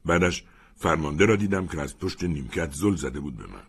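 A man narrating a first-person story in an expressive, animated reading. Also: rumbling low, vocal fry, slightly rough.

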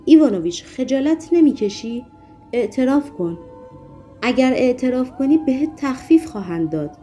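Woman voicing a hysterical, hand-wringing wife; cries out, pitched above her own voice. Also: expressive, warm tone, faint music behind. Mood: frantic. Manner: hurried, pleading cries.

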